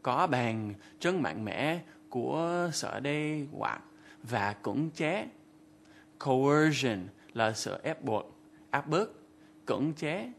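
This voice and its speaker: A man's voice: mid-range voice, sing-song, slow, vocal fry, a little hiss or hum. A man presenting an English vocabulary lesson, explaining words and translating example sentences in scripted narration.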